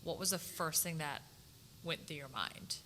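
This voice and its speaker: Bright, low-pitched woman interviewer. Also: unhurried. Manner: encouraging, frequent "mm-hmm" and "yeah". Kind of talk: casual interview. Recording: roomy reverb with faint background noise.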